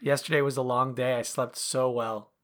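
A man's voice: mid-range voice, little pitch movement, normal speed, fairly bright tone. A man co-hosting a casual sports podcast, teasing and playful, sounding just woken up. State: just woke up. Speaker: podcast co-host. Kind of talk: casual chat.

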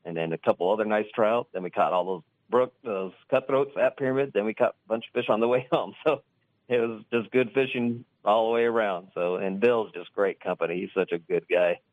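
A man's voice: fairly low pitch, a little fast. A man chatting casually as a radio show guest, telling stories over a phone line. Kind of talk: casual chat, storytelling. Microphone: phone call.

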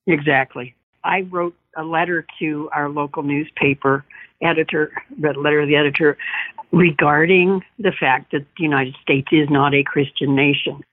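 A woman's voice: low-pitched, fairly even intonation, normal speed, dry recording. A woman calling in to a radio talk show on speakerphone, speaking earnestly as a state director of an advocacy group. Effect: on speakerphone over a phone line. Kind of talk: call-in chat. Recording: tinny, dry speakerphone call.

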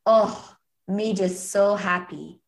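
A woman's voice: medium pitch, takes it slowly, vocal fry. A woman voicing a small, cheerful male trek porter who speaks blunt broken English. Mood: amused.

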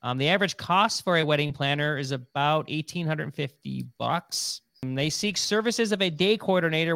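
A middle-aged man hosts a casual podcast chat. He rambles along with plenty of "um" and "you know," and his voice sits a little high for a man. The sound is dry and close, with almost no room echo. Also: fairly bright tone. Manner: rambling, chatty, many fillers. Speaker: podcast host.

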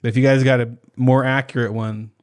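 A man's voice: medium pitch, flat delivery, normal speed, darkish tone. A man co-hosting a podcast in casual, comedic chat, joking, laughing often and singing short snippets. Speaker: podcast co-host.

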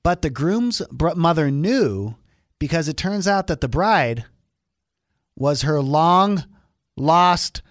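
A woman's voice: low voice, lively intonation, takes it slowly, no echo. Dry-sounding woman, teasing chat. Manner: teasing, playful questioner. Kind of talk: casual chat.

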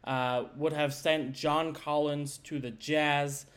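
A man's voice: a little high, flat delivery, slow pace. A man hosting a sports podcast in a casual, conversational way with rambling asides. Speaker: podcast host.

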